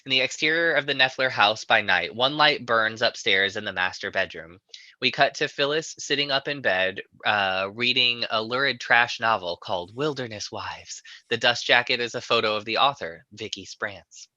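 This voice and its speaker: Sharp, bright male screenplay narrator. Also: mid-range voice, normal speed, no echo, highs cut off. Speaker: narrator reading stage directions. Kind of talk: narrating a live screenplay reading.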